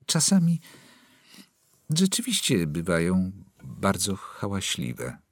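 A man's voice: low-pitched, wildly swooping pitch, takes it slowly, no room sound, heavily acted. A man voicing a nervous, worn-out mother who speaks apologetically about her children. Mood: anxious. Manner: anxious, apologetic.

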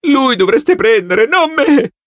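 A man's voice: sing-song, slow, a bit bright, no echo, studio quality, heavily acted. A man voicing a terrified, starving male prisoner who begs and screams for mercy in an audiobook reading. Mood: frantic shrieking. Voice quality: shrill pleading cries.

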